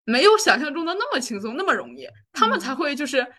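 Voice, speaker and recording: A young woman talking fast in a bright, clear, fairly high voice. She co-hosts a casual podcast and wanders through her thoughts with lots of fillers and restarts. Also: big pitch swings. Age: 20s. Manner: rambling, full of fillers and restarts. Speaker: podcast co-host. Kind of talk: casual personal chat.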